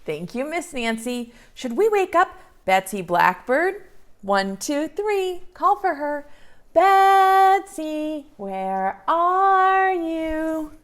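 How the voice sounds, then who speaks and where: A woman's voice: high voice, sing-song, takes it slowly. A woman hosting circle time for preschoolers, talking to them simply and enthusiastically. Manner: simple, enthusiastic address to small children. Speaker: preschool story time host. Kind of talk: children's circle time presenting.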